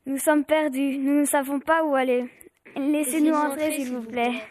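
A woman's voice: fairly even intonation, moderate pace, darkish tone, close to an everyday voice. A woman voicing small lost children who plead to be let in, in a raised, pleading voice. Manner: high, pleading.

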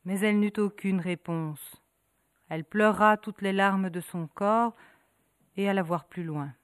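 A woman's voice: medium pitch, no room sound. Dry-voiced woman telling a story. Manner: rhythmic, repetitive, dramatic pauses. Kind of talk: storytelling narration.

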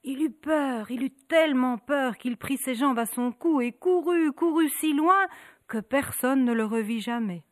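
A woman's voice: sits high, dry recording. Dry-voiced woman telling a story. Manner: rhythmic, repetitive, dramatic pauses. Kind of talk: storytelling narration.

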